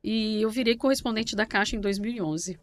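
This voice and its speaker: A middle-aged woman from Brazil, a podcast guest, telling her story in a lively, warm way. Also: mid-range voice, a little fast. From Brazil, São Paulo state. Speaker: guest, banking correspondent. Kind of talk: casual interview chat.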